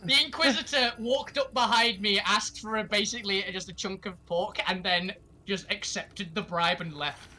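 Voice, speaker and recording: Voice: mid-range voice, fairly even intonation, moderate pace, pushed and bright. A player in an online tabletop game, casual and giggly, laughing often while talking.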